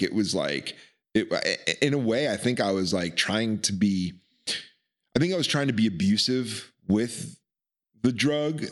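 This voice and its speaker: A man telling a rambling story in casual chat, acting out quotes and laughing often. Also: fairly low pitch.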